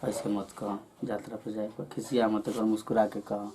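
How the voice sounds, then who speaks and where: A man's voice: lowish voice, little pitch movement, normal speed, distant mic, background noise. A young man with a Bhojpuri accent coaxing and pleading with his wife in a village comedy sketch. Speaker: husband leaving for work.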